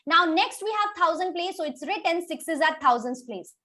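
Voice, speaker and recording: A woman with an Indian accent teaching an online children's maths class, briskly urging her pupils along and dropping in Hindi interjections. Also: very high-pitched, expressive, sharp tone.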